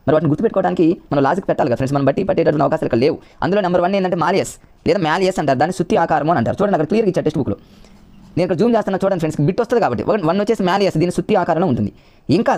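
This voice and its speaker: Fast-talking high-voiced male tutor. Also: darkish tone. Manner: repetitive, coaxing, addresses viewers as friends. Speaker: exam coaching teacher. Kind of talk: rapid classroom-style explanation.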